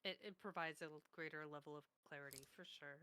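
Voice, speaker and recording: A woman's voice: sits low, steady tone, quick pace, bright, forceful tone, slight background noise. A woman chatting casually about a tabletop game session, enthusiastic and laughing often, with many fillers. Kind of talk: casual chat.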